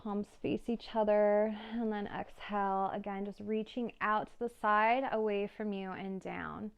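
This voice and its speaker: A woman yoga instructor calmly guiding a class through breathing and poses, with soft laughs between cues. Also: medium pitch, a little slow, gravelly, clean tone.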